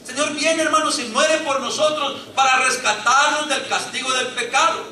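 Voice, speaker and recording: A man's voice: very high voice, normal speed, pushed and bright, slight background noise. A man preaching a fervent sermon to his congregation, calling them brothers, with a Latin American Spanish accent. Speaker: pastor. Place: church sanctuary. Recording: echoey church room, mic at a distance.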